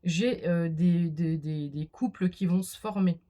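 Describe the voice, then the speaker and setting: A woman's voice: lowish voice, measured pace, mellow. A woman doing a casual spoken card reading, talking straight to the viewer with many fillers and restarts. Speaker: card reader.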